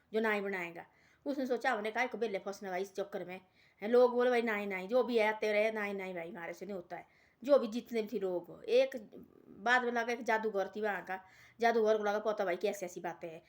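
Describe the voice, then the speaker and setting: A woman telling a folk tale in a casual, rambling way, repeating herself and tossing in "bhai" between phrases. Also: medium pitch. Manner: rambling, repetitive, peppered with "bhai". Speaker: storyteller. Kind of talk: casual oral folk storytelling.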